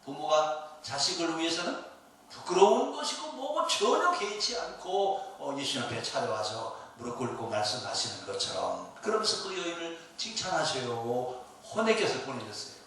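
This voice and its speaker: A man's voice: a little high, very animated, normal speed, fairly bright tone, a little hiss or hum. A middle-aged male pastor preaching a sermon in a church, telling a story and asking the congregation rhetorical questions. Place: church sanctuary. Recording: echoey church from far off.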